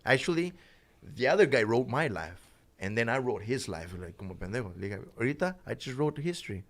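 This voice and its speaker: A man talks in a relaxed interview as a boxer guest. He is animated, laughs often and drops Spanish phrases into his English. His pitch sits in an ordinary middle range. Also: a little fast. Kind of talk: casual interview talk.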